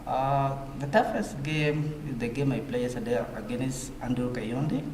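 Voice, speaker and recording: A man, a chess player, answers interview questions in plain, measured sentences that sometimes falter. The room rings around him, with a faint hum of noise behind. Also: mid-range voice, a little mellow, roomy sound, rough recording. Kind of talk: post-round interview answers.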